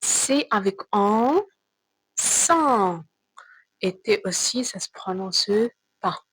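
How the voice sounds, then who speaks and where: A woman teacher giving a slow, careful reading lesson to children, spelling out sounds and repeating words. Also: medium pitch, animated, fairly bright tone, breathy edge, dry recording, poor audio.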